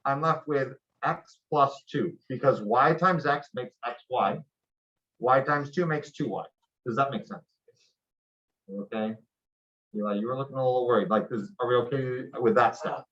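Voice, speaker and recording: A man's voice: medium pitch, normal speed, fairly bright tone, highs cut off. A man teaching a math class, explaining steps patiently and often asking if students follow. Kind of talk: classroom lecture.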